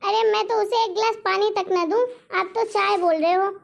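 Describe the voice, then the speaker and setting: Woman voicing a shrill, defiant young wife. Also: fairly even intonation, normal speed, creaky, heavily acted. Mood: scornful. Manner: loud, scolding, rude. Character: defiant young wife who scorns her mother-in-law. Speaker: daughter-in-law. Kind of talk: cartoon story voice acting.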